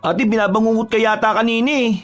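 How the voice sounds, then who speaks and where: A man voicing a panicked teenage boy, Brenda's younger brother, in an audio horror story, with a high, strained boyish voice. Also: fairly even intonation, fast, faint music behind, lightly acted. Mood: teasing.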